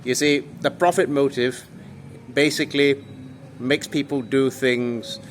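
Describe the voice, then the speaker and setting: Speaking a little slowly with fairly even intonation and a medium-pitched voice, a young-adult history vlogger lectures earnestly, stressing key words. He's outdoors in a town square by old buildings, recording on a phone at arm's length while faint street noise and vehicles pass.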